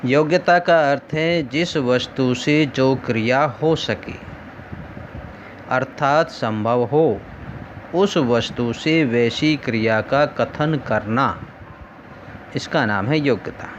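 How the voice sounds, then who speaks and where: A man's voice: mid-range voice, slow pace, pauses often, a little hiss or hum. A man teaching a lesson, explaining things step by step and asking rhetorical questions along the way. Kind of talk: recorded lesson. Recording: dull lo-fi recording.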